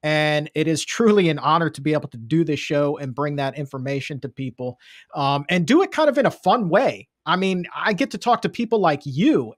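A man's voice: a little high, no room sound. A man in his thirties hosting a podcast from his studio, talking in an enthusiastic, conversational way with emphatic remarks. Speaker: podcast host. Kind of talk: casual interview chat. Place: home studio room. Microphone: studio mic, video call.

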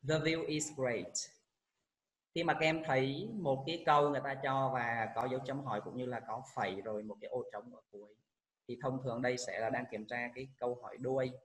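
This male teacher, Vietnamese-accented, leads a high school English class through exam questions, pronouncing each English answer word slowly before giving the explanation in Vietnamese. The recording is rough, while his voice is steady and fairly bright.

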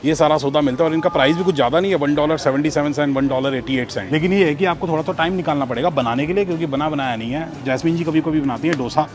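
A man in his thirties vlogs through a big supermarket on a handheld phone, reading out prices as he chats to camera. Crowd noise fills the background, and his slightly high voice races along very fast with few pauses.

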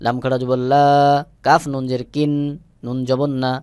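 A man's voice: mid-range voice, flat delivery, moderate pace, a little mellow, smooth, dry recording. A man teaching Quran reading, spelling out each letter and its vowel and then blending them into the word. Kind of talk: slow syllable-by-syllable recitation lesson.

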